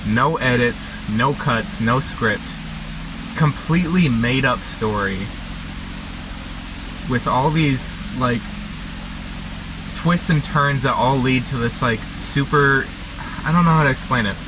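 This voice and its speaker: A young man chatting casually and unscripted to camera, halting and often interrupting himself as he rambles. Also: medium pitch. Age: young adult. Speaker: vlogger. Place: inside a parked car. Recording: background noise, vehicle ambience.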